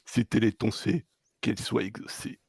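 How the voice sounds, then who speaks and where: A man voicing a haughty, coldly threatening god of destruction in an anime dub, with a gravelly voice. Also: lowish voice, level tone, moderate pace, darkish tone, no echo. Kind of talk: amateur anime dub parody.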